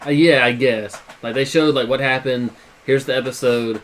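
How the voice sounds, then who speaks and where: A man's voice: medium pitch, steady tone, moderate pace, slight background noise. Male podcast co-host, playful and teasing, loose banter. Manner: joking, teasing.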